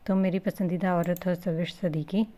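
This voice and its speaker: A woman's voice: on the low side, level tone, normal speed, dark tone, lightly acted. A woman reading the part of an affectionate, joking young husband in a storybook reading.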